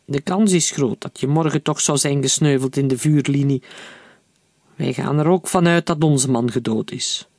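A man reading aloud, voicing a calm, coldly menacing German officer who leads a patrol. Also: medium pitch, moderate pace, dry recording, clean studio sound, lightly acted. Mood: cold commanding.

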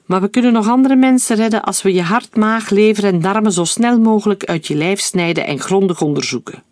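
A man voicing a sly, bearded village doctor with a cruel streak, speaking calmly. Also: sits high, a little fast, dry recording, studio quality, voice pushed up, close to an everyday voice. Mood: mock-grave.

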